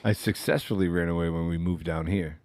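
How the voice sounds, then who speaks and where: A man's voice: low voice, steady tone, brisk, a little mellow, dry recording. A middle-aged man from the Boston area telling a long story in casual chat, swearing freely and acting out the voices in it. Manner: profane, laughing, acts out voices in his stories.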